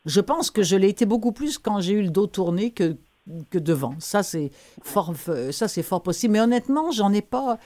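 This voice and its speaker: A woman in her sixties from France with a French accent, hosting an interview in a lively, chatty way with frequent laughs. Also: medium pitch, moderate pace. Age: 60s. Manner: lively, laughs often, restarts words. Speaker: host. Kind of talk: interview talk.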